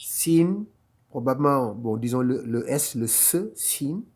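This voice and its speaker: Slow, patient male recitation teacher. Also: medium pitch, a little mellow, a little hiss or hum. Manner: patient, repeats each letter sound slowly. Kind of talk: slow online lesson.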